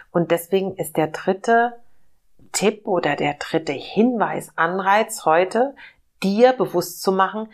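A podcast host with a lowish voice gives a reflective self-help talk. She sounds slightly hoarse from a cold, and her delivery is gentle and searching, with many fillers.

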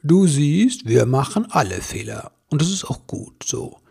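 A man voicing a gentle old santa, warm, chuckling, gravelly and husky. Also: fairly high pitch, very animated, measured pace, exaggerated voice. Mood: kindly.

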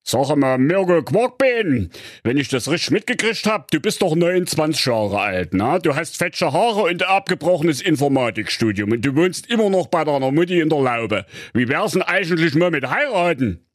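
A man's voice: on the high side, very animated, moderate pace, no echo, pitched above the performer's own voice. Blustering old king, done by a male storyteller, raised voice, dead-dry sound. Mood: sly. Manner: blustering, ranting. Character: choleric round old king, hot-tempered.

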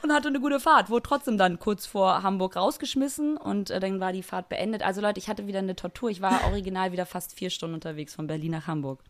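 A young woman co-hosting a podcast, telling stories in a lively, slangy and self-mocking way. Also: mid-range voice, quick pace, hardly any pauses. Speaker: podcast co-host. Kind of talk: casual chat.

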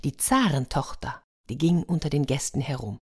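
A woman narrating a fairy tale for an audiobook in a lively way, speaking to her listeners. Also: low-pitched, moderate pace, husky. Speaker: storyteller.

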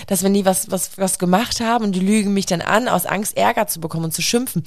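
Chatty mother with a creaky voice. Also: medium pitch, quick pace. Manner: chatty, animated when quoting her son. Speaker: mother of young children. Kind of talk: casual podcast conversation.

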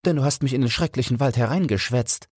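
A man's voice: medium pitch, fast talker, dry recording, clean studio sound, pitched above the performer's own voice, natural voice. A man voicing Felix, a young goldsmith apprentice, fearful and pleading in a fairy-tale audiobook. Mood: anxious, pleading.

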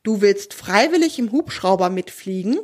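A woman's voice: mid-range voice, expressive, moderate pace, a little mellow, natural voice. A woman voicing a helpful, practical young girl in a children's audio story.

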